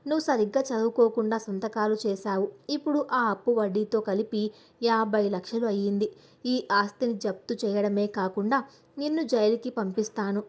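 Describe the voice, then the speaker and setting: A woman's voice: medium pitch, moderate pace, natural voice. A woman voicing a haughty scheming rich aunt. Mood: haughty threats. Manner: haughty, threatening. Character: arrogant wealthy scheming middle-aged aunt.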